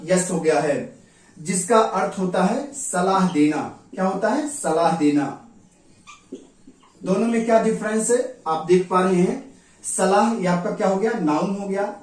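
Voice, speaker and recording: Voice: medium pitch, darkish tone. A teacher giving a spoken language lesson, who poses rhetorical questions, answers them, and spells words out letter by letter. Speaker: English teacher. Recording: very echoey room, voice far from the mic.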